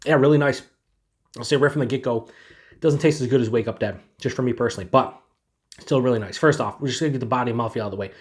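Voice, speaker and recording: A man reviews a beer alone on camera, casual and meandering, with lots of fillers and a head cold clogging his voice. He speaks quickly at a medium pitch.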